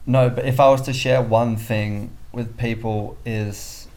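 A man's voice: medium pitch, steady tone, unhurried, darkish tone. A young Australian man with a lisp, a podcast guest talking casually and hesitantly with lots of ums. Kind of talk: casual interview chat.

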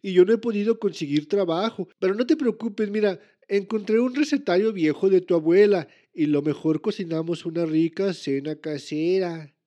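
A man playing a gentle, hesitant father. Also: sits high, moderate pace, few pauses, lo-fi sound, lightly acted. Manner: soft-spoken and hesitant. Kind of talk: comedic voice acting.

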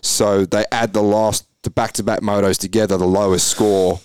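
A man hosting a casual motocross podcast, chatting in quick bursts with lots of fillers. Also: on the low side, little pitch movement, a little mellow, clear, resonant tone, dry recording. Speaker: podcast host.

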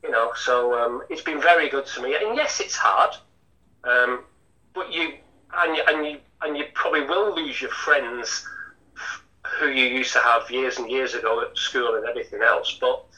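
A man's voice: mid-range voice, moderate pace, pushed and bright, far from the mic, poor audio. A man, a hotel chef talking through an interview with many restarts. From Lancashire, England. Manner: chatty, rambling with frequent restarts.

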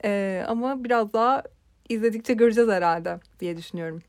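A woman's voice: medium pitch, fast talker, noisy background. A woman co-hosting a film podcast, chatting casually and expressively with frequent fillers and laughter. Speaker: podcast co-host.

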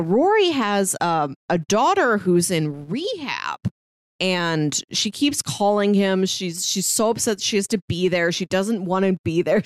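A woman co-hosts a podcast, casually discussing an audio drama and acting out bits of dialogue as she retells the story. Her voice is on the low side, recorded at studio quality with no room sound.

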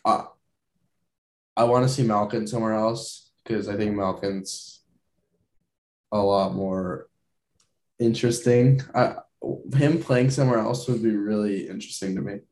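A man's voice: fairly low pitch, measured pace, long pauses, a little mellow. A man co-hosting a hockey podcast, chatting casually in a laid-back, joking way. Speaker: podcast co-host. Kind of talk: casual sports chat.

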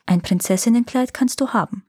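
A woman's voice: a little high, fairly quick, darkish tone, slightly rough. A brave, kind young girl from a storybook speaks earnestly and politely, as a woman reading the tale puts her on. Her voice rises well above the reader's own. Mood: friendly.

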